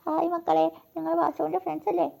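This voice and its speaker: A woman voicing a cheerful old grandmother with a sweet tooth in a cartoon, with a gravelly, creaky voice and an easygoing, teasing manner. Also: very high voice, little pitch movement, quick pace, dull audio, slight background noise, pitched below the performer's own voice, exaggerated voice. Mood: warm.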